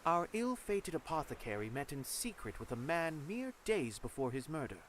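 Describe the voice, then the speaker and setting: An actor playing a sly, composed cleric investigator in a video game, with a measured, wry, theatrical delivery. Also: male voice, fairly high pitch, big pitch swings, fairly bright tone, slight background noise, rough recording. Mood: musing, grave. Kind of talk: scripted video game voice acting.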